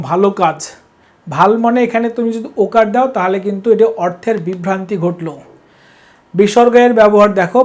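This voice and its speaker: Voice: medium pitch, darkish tone. Teacher explaining rules step by step. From Bangladesh. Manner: explains step by step, checks understanding with short prompts. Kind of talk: classroom lesson.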